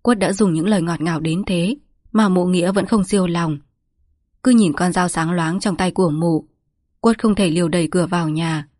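Female storybook narrator, steady and even, dry close recording. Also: lowish voice, moderate pace, dry recording.

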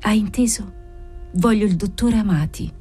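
A woman's voice: medium pitch, normal speed, warm tone, slightly rough, soft background music. A woman voicing a sick young noblewoman who demands and cries out shrilly. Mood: insistent.

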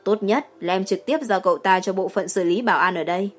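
A woman voicing a calm, dryly teasing young man. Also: medium pitch, quick pace, faint music behind, natural voice. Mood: wry.

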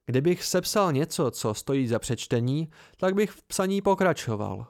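A man voicing a weary, soft-spoken innkeeper in an amateur audiobook, with a raised, plaintive delivery. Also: a little high, sing-song, no echo, studio quality.

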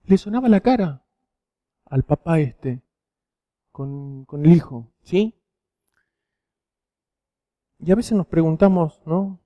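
A man's voice: fairly high pitch, expressive, takes it slowly, pauses often, dull audio. A man preaching to teenagers with a Rioplatense Spanish accent, telling stories and often checking in with a rhetorical "¿sí?". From Argentina. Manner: storytelling, frequent rhetorical "¿sí?" checks. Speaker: youth preacher. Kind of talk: sermon to teenagers.

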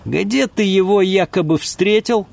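A man voicing a harsh, ruthless woman who leads smugglers and barks sharp orders. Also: fairly high pitch, animated, unhurried, voice pushed up. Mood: suspicious. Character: harsh female smuggler leader, cold and ruthless.

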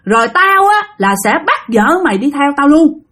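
A woman voicing a hoarse, threatening ghost that has possessed a wife, talking fast and taunting. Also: sits high, very animated, a bit bright, pitched above the performer's own voice. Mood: menacing. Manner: rapid, raised and taunting.

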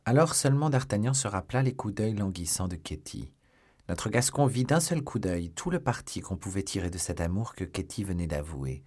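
A man narrating a classic novel as an audiobook. His voice is deep and husky, and his reading is measured and expressive.

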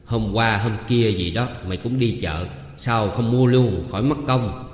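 A man voicing a sharp-tongued old woman who scolds in a raised, shrill voice. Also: unhurried, natural voice. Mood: grumbling. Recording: roomy with long reverb.

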